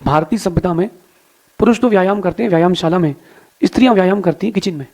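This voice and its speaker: A man's voice: sits high, fast, a little mellow. A man telling a moral story and lecturing listeners in a folksy, preachy way. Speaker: spiritual speaker.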